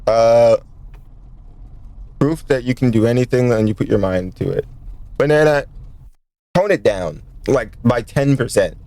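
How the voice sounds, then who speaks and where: A man's voice: medium pitch, measured pace, mellow. A man streaming a visual novel, joking and chatting with his viewers as he reads. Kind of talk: casual let's-play commentary.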